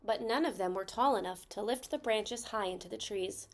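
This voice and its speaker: With a mid-range voice, a woman reads a children's story aloud expressively, phrasing things deliberately and stressing key words.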